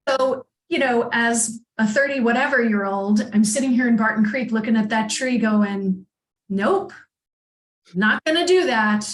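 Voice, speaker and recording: A woman coach as a podcast guest, telling personal stories in a chatty, animated way and laughing often. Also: on the high side, normal speed, hardly any pauses. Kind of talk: casual conversation, personal storytelling. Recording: echoey room.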